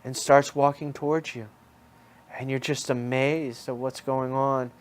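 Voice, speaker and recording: A man with a mid-pitched voice leads a guided imagery session. He narrates like a hypnosis practitioner, soothing the listener. Phrases come back again and again in a hypnotic pattern. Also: flat delivery, a little slow. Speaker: guided relaxation storyteller.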